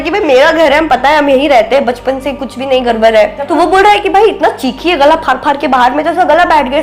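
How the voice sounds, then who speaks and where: A young woman with a soft, babyish voice, telling a story as a podcast guest and acting out what people said. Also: high voice. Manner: animated, acts out quoted speech, mixes in English words. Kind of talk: casual spoken storytelling.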